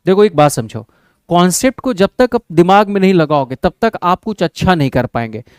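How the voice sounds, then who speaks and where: A man teaching an exam-prep English grammar lesson with an Indian accent, often checking in with his class and reading English sentences out slowly. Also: sits high, expressive, darkish tone, clear, resonant tone, no room sound. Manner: checks in with the class, calls students "babu" and "bhai".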